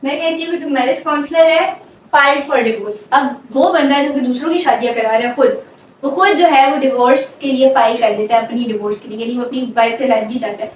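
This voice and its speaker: A woman teacher, explaining grammar step by step and dictating example sentences slowly word by word. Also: high voice. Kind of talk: grammar lecture. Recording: echoey room, voice from far off, faint background hum.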